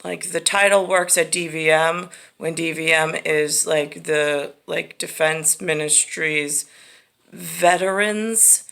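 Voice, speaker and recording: A woman's voice: low-pitched, fairly even intonation, takes it slowly, creaky, a bit bright. A woman talking casually in a rambling, disjointed monologue that drifts from one tangent to another. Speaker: vlogger.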